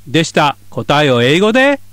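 Male radio teacher, clear explanatory delivery, high animated voice, dry booth sound. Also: moderate pace, no echo. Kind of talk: scripted lesson narration.

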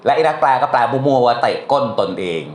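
A man with a medium-pitched, darkish voice teaches a translation class, speaking fast and animatedly in a casual, chatty style. He often quizzes his students with questions, and the room is echoey with faint noise.

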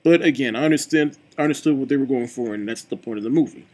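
A man reviewing a film in a relaxed, chatty way, often slipping in "like" and "you know." His voice is slightly husky and sits at an average pitch for a man. He speaks like a casual online reviewer talking straight to his viewers. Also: fast.

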